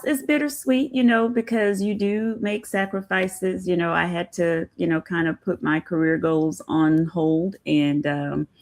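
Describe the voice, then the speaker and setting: Woman, low voice, earnest, reflective, hesitant, casual chat. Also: a little mellow. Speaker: military spouse and former teacher.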